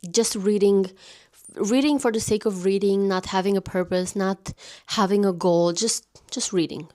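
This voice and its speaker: A woman in her thirties gently chatting about books on a thin stand mic, now and then dropping into a whisper. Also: mid-range voice, fairly even intonation, moderate pace. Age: 30s. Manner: gentle, intimate, dips into whispers. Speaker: channel host. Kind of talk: soft-spoken book chat.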